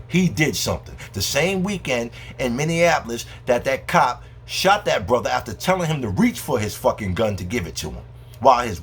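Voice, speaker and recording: A man's voice: mid-range voice, slight background noise. A man delivering a heated, profane monologue to camera as a video host. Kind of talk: angry ranting monologue.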